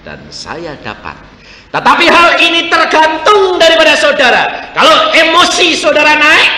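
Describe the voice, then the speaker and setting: A male pastor preaching a sermon, shifting from soft asides to loud, emphatic points. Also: a little high, slight background noise. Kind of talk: sermon with acted-out anecdote. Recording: echoey church hall with long reverb.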